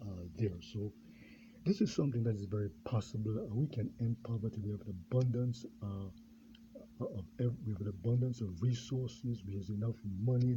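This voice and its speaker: Halting low-voiced man from Jamaica. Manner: halting, full of fillers and repetition. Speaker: pastor and self-styled candidate. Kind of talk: rambling unscripted monologue. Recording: dull lo-fi recording with clear background noise.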